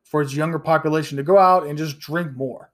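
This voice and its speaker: Guy in his 30s ranting on his podcast, swears a lot, trips over his words, pitch a bit on the high side. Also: a little fast. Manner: blunt and profane, with frequent restarts. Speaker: podcast host. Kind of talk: ranting solo podcast commentary.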